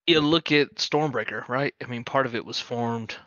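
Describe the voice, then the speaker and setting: Man, podcast co-host, bright tense voice, dry dull lo-fi sound. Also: medium pitch, no room sound. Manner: excitable fan, talks fast with many fillers. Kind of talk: casual chat.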